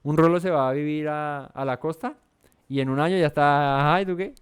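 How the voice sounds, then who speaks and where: A man's voice: on the high side, a little fast, smooth. A man with a Bogotá Colombian accent teaching a verse-by-verse Bible study in a conversational way, often asking "right?" and restarting his sentences. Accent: Bogotá Colombian Spanish. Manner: conversational, asks "¿cierto?" and "¿no?" often, with many restarts.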